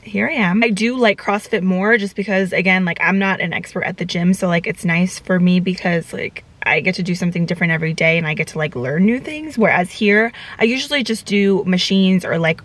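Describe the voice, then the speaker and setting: A woman's voice: on the low side, a little fast, hardly any pauses, fairly bright tone. A young woman vlogging in a casual, chatty way, with lots of loose filler words as she talks to the camera. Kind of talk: casual vlog chat.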